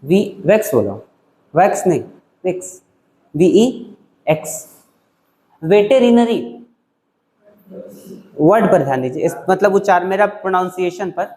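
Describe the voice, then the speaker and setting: A male teacher, taking students through spelling in an exam-prep English class, repeating words slowly syllable by syllable. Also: high-pitched, lively intonation, a little mellow.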